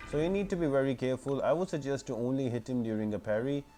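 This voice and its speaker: Speaking fast in a mellow, mid-range voice, a gaming guide video host gives informal commentary on a mobile game. He teaches step by step, walking viewers through how it works.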